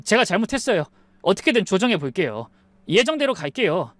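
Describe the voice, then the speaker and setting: A woman's voice: medium pitch, very animated, a little fast, no echo, lightly acted. A woman voicing an earnest young husband who speaks politely and pleads, in a dry recording.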